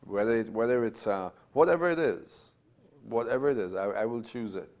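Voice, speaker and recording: A man's voice: medium pitch, fairly quick, a little mellow. A man in his fifties giving a Bible class lecture, emphatic and repetitive, asking rhetorical questions while standing at a lectern in a small room. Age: 50s. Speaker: Bible teacher.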